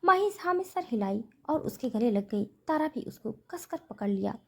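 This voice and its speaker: A woman's voice: a little high, very animated, normal speed, gravelly, fairly bright tone. Woman narrating a romantic story. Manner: voices the characters' lines herself.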